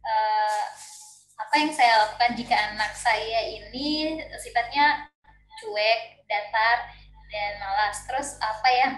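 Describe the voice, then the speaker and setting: Higher-voiced woman moderator, echoey room. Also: fairly bright tone. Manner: reads questions, polite. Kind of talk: moderating a discussion. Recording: echoey room with faint music.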